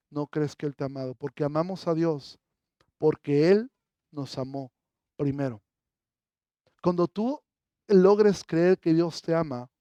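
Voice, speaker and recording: A male pastor preaching an impassioned sermon, moving from loud proclamation to soft, intimate appeals. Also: sits high, clear, resonant tone, dry recording. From Mexico.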